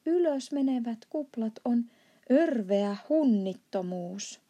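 A woman voicing a huge, kindly old male giant who mangles his grammar and bursts into indignant shouts. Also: on the high side, expressive, muffled recording. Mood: indignant, shouting. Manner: mangled grammar and made-up words, shouts in outbursts.

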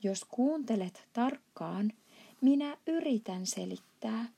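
A woman voicing a huge, kindly old male giant who mangles his grammar and bursts into indignant shouts. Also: on the high side, expressive, gravelly, husky, full character voice. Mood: earnest. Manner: mangled grammar and made-up words, shouts in outbursts.

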